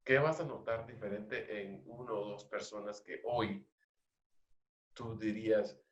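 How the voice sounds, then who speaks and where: A man leading an agile training session, coaching a participant with slow, questioning explanations. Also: fairly low pitch, roomy sound, muffled recording.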